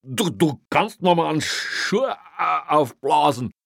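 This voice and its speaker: A man voicing a stuttering sixty-year-old burglar, high and strained with agitation. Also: very animated, unhurried, creaky, breathy edge, no echo, studio quality, heavily acted. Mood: agitated. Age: 60s.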